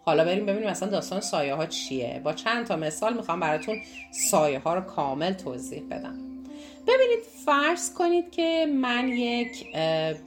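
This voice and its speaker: A woman teaching a self-development course, talking straight to her listeners and repeating phrases for emphasis. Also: medium pitch. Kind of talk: teaching talk to a course audience.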